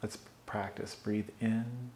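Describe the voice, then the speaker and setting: A man guides a meditation in a slow, soothing voice of middle pitch. He leaves long pauses between calm breathing instructions. The recording has a roomy echo with a faint ambient hum behind it. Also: gravelly.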